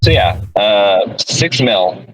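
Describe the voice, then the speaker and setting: This podcast co-host phones in from a car in motion, wandering through his thoughts, fixing his own words, and laughing a lot. He speaks slowly in a lowish, expressive voice with a fairly bright tone, carried over dull, lo-fi call audio.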